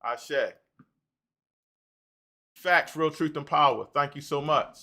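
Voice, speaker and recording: Male stream host, bright and fairly high voice, works through the chat out loud. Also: slow. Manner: animated, reads out and answers chat comments. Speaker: livestream host. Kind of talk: livestream talk reading chat comments.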